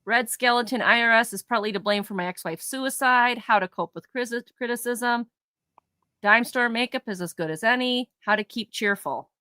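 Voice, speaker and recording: A woman's voice: a little high, moderate pace, pushed and bright, clean tone, dry recording. A woman co-hosting a live vintage sale stream, chatting casually and reading old tabloid headlines aloud.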